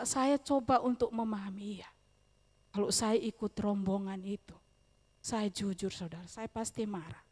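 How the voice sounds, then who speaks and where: Brief: female preacher, slightly high pitch, lively sermon with loud peaks and hushed asides. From eastern Indonesia. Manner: lively preaching, rising loud on questions and dropping to quiet asides; addresses listeners as "saudara", speaks with humor. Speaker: evangelist preacher. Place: church service.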